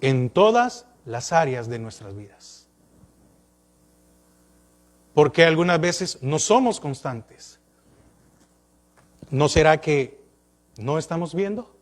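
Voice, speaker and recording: Male pastor, high voice, preaching sermon with lots of rhetorical questions. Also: expressive, slow pace, long pauses. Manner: questioning the congregation, rising and falling emphasis.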